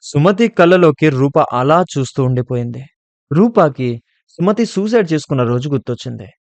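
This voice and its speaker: A man narrating a scripted horror story in a steady, measured way. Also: on the high side, no room sound.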